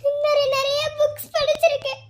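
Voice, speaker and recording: A woman's voice: very high voice, level tone, brisk. A woman voicing a tearful young cartoon wife with a Madurai Tamil accent, sobbing and scolding in a childlike whine. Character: tearful young wife grieving a lost baby. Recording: loud background noise.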